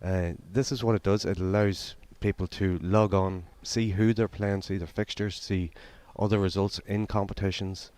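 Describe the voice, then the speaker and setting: A man's voice: low-pitched, darkish tone, smooth. A man talking as a guest commentator, explaining things in a conversational, matter-of-fact way. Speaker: guest co-commentator explaining his own product.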